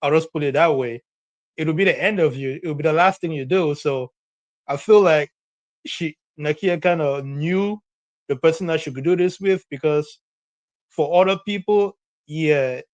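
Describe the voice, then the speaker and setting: A man from Cameroon calls in with a slightly high voice, putting his point across in an earnest, measured way. His voice sounds dry and close. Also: dry recording, highs cut off. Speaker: caller. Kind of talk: phone-in comment.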